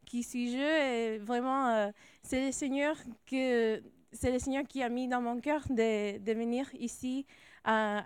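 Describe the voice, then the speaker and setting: A young woman missionary from California with an American accent, soft-spoken and searching for words as she gives her personal testimony. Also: on the high side, clean tone, no echo. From California, United States. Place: church.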